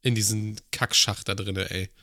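Bright-voiced man telling stories. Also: lowish voice, little pitch movement, moderate pace, no room sound, clean studio sound. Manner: storytelling, crude slang, acts out dialogue. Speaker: podcast co-host. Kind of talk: casual chat.

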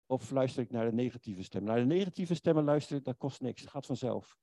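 A man preaching a sermon, earnest and pleading, slowing and softening his voice for the quoted words of God. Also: medium pitch, animated, no room sound.

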